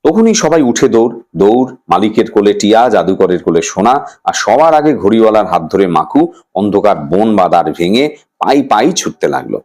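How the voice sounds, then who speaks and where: A man reading a children's story aloud with expressive, sing-song narration. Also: fairly low pitch, normal speed. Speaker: story reader.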